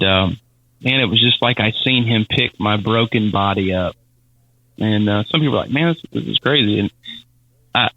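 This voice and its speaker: A man telling a personal faith testimony as a podcast guest, halting and repeating words as he speaks. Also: on the low side, dull audio. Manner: halting, repeats words, Southern-style casual phrasing.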